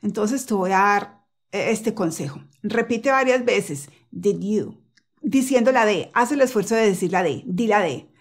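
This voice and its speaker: A woman teaching English pronunciation to camera in a casual lesson, repeating example phrases slowly and patiently and reassuring the learner. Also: mid-range voice, animated. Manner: reassuring and encouraging.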